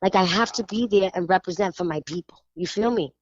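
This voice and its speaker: A woman from Spanish Harlem, hosting a radio show in animated, emphatic casual chat. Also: fairly low pitch, a little fast, no room sound, dull audio. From New York (Spanish Harlem). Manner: animated, emphatic, lots of "you know".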